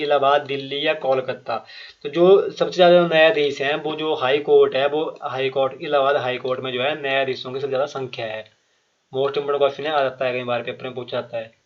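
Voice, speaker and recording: A man teaching an exam-prep quiz lesson, reading each question and its options aloud, repeating them, then explaining the answer with fillers and restarts. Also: fairly high pitch. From Himachal Pradesh. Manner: frequent fillers and restarts, addresses viewers directly. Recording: muffled lo-fi recording.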